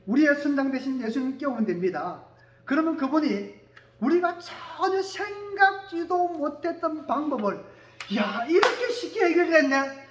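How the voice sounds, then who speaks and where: A male pastor delivers a sermon in a very high voice, dropping to quiet asides and then rising to shouted declarations. He keeps calling for amens from the congregation. The sound rings around an echoey church sanctuary. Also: expressive, moderate pace, a little hiss or hum. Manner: calls for amen from the congregation.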